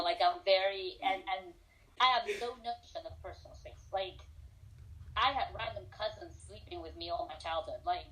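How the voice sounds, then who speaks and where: A middle-aged Colombian woman, a professor, gives casual interview answers, switching between Spanish and English. She's hesitant, full of fillers and restarts, her voice on the low side and a bit bright over a rough recording.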